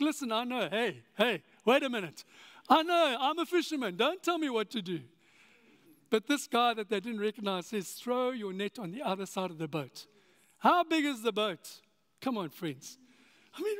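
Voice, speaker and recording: A man preaching a sermon as a pastor, telling stories with frequent chuckles and lively asides. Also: very high-pitched. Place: church sanctuary. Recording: long church reverb.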